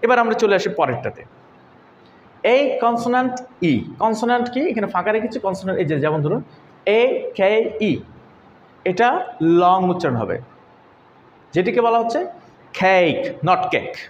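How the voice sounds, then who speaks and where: A man teaching an English pronunciation lesson. He explains step by step, asks questions and answers them himself, and says example words slowly several times. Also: high-pitched, expressive. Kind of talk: classroom lesson. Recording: echoey room, dull lo-fi sound, faint noise.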